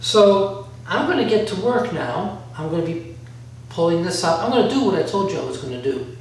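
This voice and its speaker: A man's voice: sits high, expressive, brisk. A man giving a casual instructional walk-through, rambling a little as he thinks aloud. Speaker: DIY vlogger. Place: bare concrete-floored workshop room by a garage. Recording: very echoey room, distant mic, faint noise.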